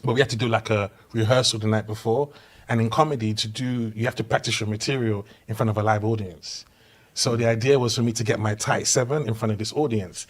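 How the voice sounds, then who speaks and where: Here the young Londoner from Hackney speaks fairly low and fast, spinning stories as a comedian guest in a casual podcast chat. He laughs his way through punchlines and performs the voices of people he quotes with lots of energy.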